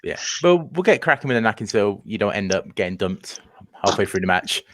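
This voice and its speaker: A man with a lowish voice hosts an online trivia show at a brisk clip, tossing out jokes and moving things along. His voice sounds close and dry, with no room around it. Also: sing-song, a bit bright, no echo. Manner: jokey, runs the show with quick asides. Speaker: trivia match host. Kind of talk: casual online show banter.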